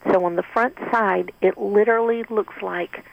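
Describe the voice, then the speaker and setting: A woman's voice: medium pitch, fairly even intonation, moderate pace, vocal fry, no room sound. A woman calling in to a radio show over the phone, polite and careful, explaining in detail and addressing the host as sir. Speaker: caller. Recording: muffled phone line on radio.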